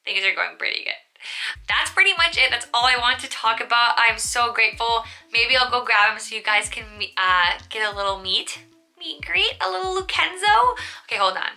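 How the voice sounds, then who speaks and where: A woman's voice: fairly high pitch, a little fast, bright, forceful tone, soft background music. A young woman, a new mother, telling her story in a casual vlog, chatty and rambling with lots of fillers, and sleep deprived.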